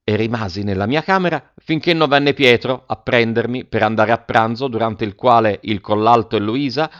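A man reading a children's story aloud with steady first-person narration. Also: fairly low pitch, normal speed, highs cut off. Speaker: audiobook reader.

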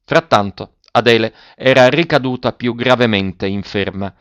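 A man narrating a novel as an audiobook, in a measured, even way, in a dull lo-fi recording. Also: medium pitch, clear, resonant tone, dry recording.

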